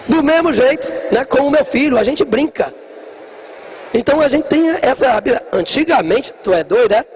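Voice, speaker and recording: A man, lecturing history to a classroom in a lively, joking way and acting out little scenes for his students. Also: sits high, slight background noise, rough recording. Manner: jokey, talks straight to students, acts out little scenes. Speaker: history teacher.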